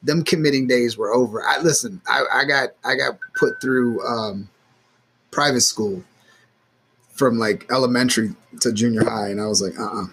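A man's voice: medium pitch, normal speed, a little hiss or hum. A man co-hosting a podcast, telling stories in casual chat, swearing freely and acting out quotes. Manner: animated storyteller, swears freely, acts out quotes. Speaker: podcast co-host.

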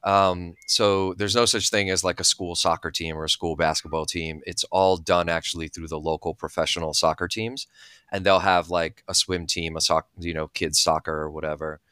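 A man's voice: low voice, fairly even intonation, normal speed, sharp tone, clear, resonant tone, no room sound. A man in his thirties, originally from Bulgaria, talking candidly as an interview guest. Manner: thoughtful, candid, many fillers. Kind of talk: casual interview talk.

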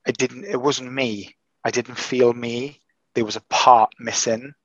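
A man of middle pitch hosts a casual chat, talking slowly through a long recovery story with frequent false starts. His voice sounds a little altered by the illness. The recording is dry and somewhat dull. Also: steady tone, a bit bright, husky, dry recording. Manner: hesitant, halting with many restarts. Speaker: podcast host.

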